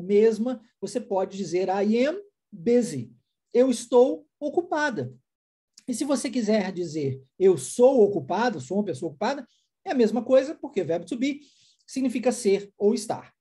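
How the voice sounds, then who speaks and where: Mellow, husky woman teaching a lesson. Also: medium pitch. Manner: explains patiently and checks in often with the listener; drills pronunciation by repeating words slowly. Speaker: English teacher. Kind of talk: online language lesson.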